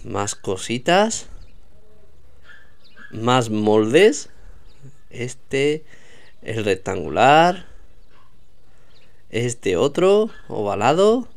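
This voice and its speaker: This man talks extremely slowly with long pauses, his mid-range voice rising and falling in big pitch swings. Casually wandering a supermarket aisle, he narrates for viewers, chatting and pointing out products.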